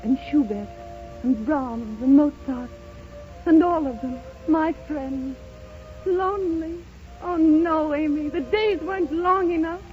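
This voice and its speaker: Through a muffled 1930s radio broadcast with loud music, an actress speaks as a serene, rapturous blind woman confined to bed. Her high, slow voice carries insistent, theatrical, and lyrical fervor.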